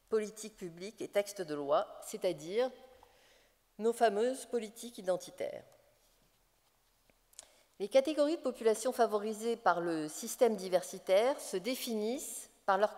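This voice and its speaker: Woman lecturer, mid pitch, measured and emphatic, long hall reverb. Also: darkish tone. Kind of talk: public lecture. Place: conference hall.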